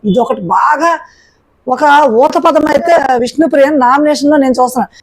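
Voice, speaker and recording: A woman's voice: sits high, a little fast. A woman recapping a reality show episode in an opinionated commentary, firing off rhetorical questions.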